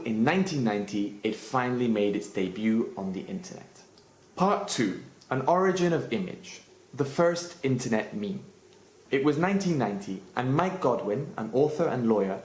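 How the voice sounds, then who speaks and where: A man's voice: medium pitch, darkish tone, roomy sound, low-quality recording. A man hosting a scripted English lesson for Spanish speakers, narrating with playful asides. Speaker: English teacher and channel host.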